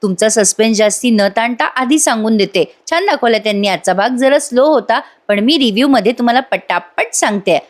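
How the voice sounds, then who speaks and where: A woman's voice: fairly high pitch, animated, brisk, hardly any pauses. A woman giving a chatty voice-over review of a TV serial episode, talking directly to her viewers.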